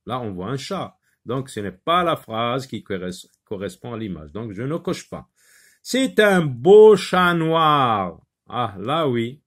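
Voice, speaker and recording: A man leads a phonics lesson at an unhurried pace. His pitch rises and falls a lot as he stresses each word, and he sounds out syllables slowly and repeats them. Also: big pitch swings, fairly bright tone, breathy edge. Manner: slow, careful, repeats words and syllables aloud. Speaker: teacher. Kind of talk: French phonics lesson with Arabic explanations.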